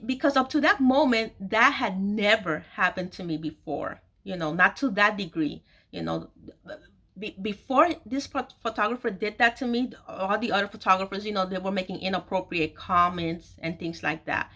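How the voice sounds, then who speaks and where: At a normal speed, a woman with a mid-range, bright voice and forceful tone tells her own story. In her forties, she's an author and host of an online video series, speaking to her audience with candid confidence and repeatedly stressing key phrases.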